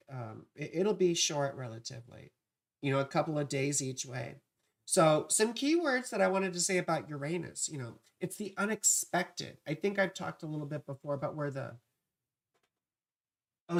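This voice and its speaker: Speaking to her livestream audience about astrology, the host has a mid-range voice with a parched, dry vocal fry. She chats in a loose, playful way and keeps breaking off for fond little asides.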